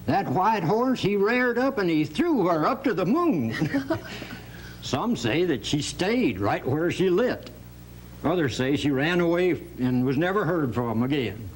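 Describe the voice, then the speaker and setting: With a voice on the high side and an unhurried pace, a guest storyteller plays a jolly cowboy telling tall tales for an educational radio drama. He chuckles animatedly in a folksy drawl, and the poor audio carries hum and faint background noise.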